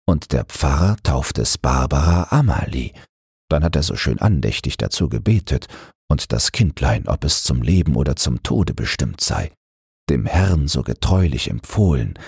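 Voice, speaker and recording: Guy doing a pious river boatman, super deep gravelly voice, slow homely telling. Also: big pitch swings, darkish tone, no room sound, studio quality, full character voice. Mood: earnest. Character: poor river boatman, a father, plain and pious.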